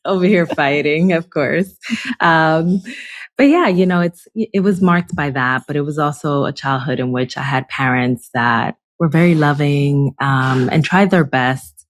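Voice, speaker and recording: Low-voiced woman guest from the Dominican Republic. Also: no echo, clean studio sound. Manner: thoughtful, with frequent fillers and pauses. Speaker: psychologist guest. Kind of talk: casual podcast interview.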